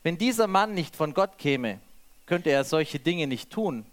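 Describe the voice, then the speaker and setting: A man's voice: a little high, animated, measured pace. A man reading scripture aloud and then preaching freely, with some restarts.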